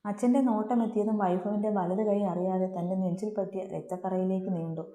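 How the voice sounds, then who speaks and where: Mellow woman narrating a story, echoey room. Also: mid-range voice, a little fast. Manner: steady, earnest reading. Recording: roomy echo.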